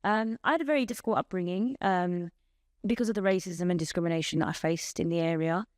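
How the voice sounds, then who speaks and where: A woman in her thirties, born in Bangladesh and a native Bengali speaker, appears as a podcast guest giving personal testimony in an interview. Her voice sits on the low side with a darkish tone, captured in clean studio sound without echo, and she speaks earnestly and measuredly, telling her story in long lists.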